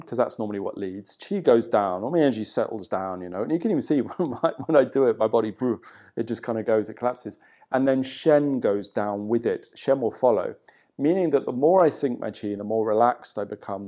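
Mellow-voiced man teaching qigong. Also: mid-range voice. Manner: conversational, swearing, frequent "you know". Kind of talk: casual spoken teaching. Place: hotel room.

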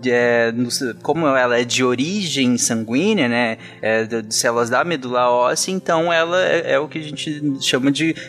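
A man's voice: medium pitch, moderate pace, hardly any pauses, a bit bright, faint music behind. A man from central Brazil with a Brazilian accent, hosting a podcast in casual conversation. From Goiânia, Goiás, Brazil. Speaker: podcast host.

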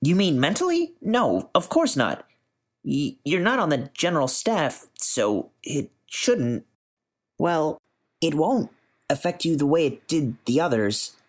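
A man's voice: fairly high pitch, big pitch swings, takes it slowly, pitched above the performer's own voice, heavily acted. A man putting on an eager, flustered male physicist. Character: fussy, eager middle-aged male physicist.

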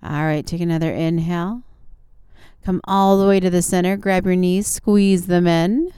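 A woman's voice: lowish voice, steady tone, moderate pace, warm tone, clean tone, dry recording, clean studio sound. A woman teaching a guided yoga class as an instructor, giving short, encouraging step-by-step cues. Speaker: yoga instructor and show host.

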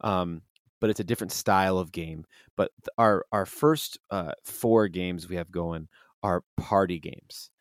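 A man with a fairly low voice talks eagerly, circling back and restarting his sentences as he explains. The recording is dry and close, with no room sound around him. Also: unhurried, no echo. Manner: enthusiastic, rambling with many restarts and fillers. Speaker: game designer and publisher. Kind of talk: casual interview answers.

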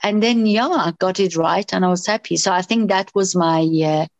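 A middle-aged woman from Iran speaks as an interview guest, her voice pitched a little low. She talks haltingly, with fillers and restarts. The sound is dry and close. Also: no echo, dull audio. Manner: hesitant, many fillers and restarts. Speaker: guest, doctor. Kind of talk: interview answers.

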